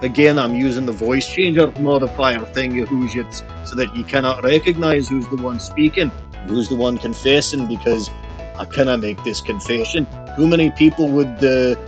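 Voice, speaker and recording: A streamer talks through a voice changer that shifts his voice deeper. His livestream commentary rambles, and he plays at pirate speech with "aye" and "lad."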